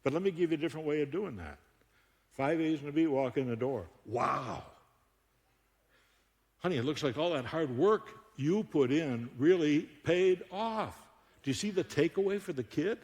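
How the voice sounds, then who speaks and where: In a church auditorium, an older man from Buffalo, New York, preaches a humorous sermon as a guest speaker. His voice is slightly high and his speed normal, and he's a joking, lively storyteller prone to frequent laughter.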